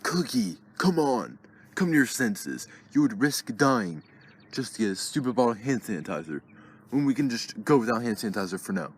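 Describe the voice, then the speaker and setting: A man's voice: mid-range voice, sing-song, moderate pace, husky. Tumbles, a man doing a bossy plush toy. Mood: scolding. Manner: scolding, exasperated. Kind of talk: plush toy puppet skit.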